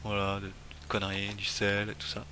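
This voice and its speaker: A man's voice: fairly low pitch, monotone, normal speed, pushed and bright, a little hiss or hum. A man streaming a game, commenting casually and thinking aloud with many fillers. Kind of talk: casual let's-play commentary.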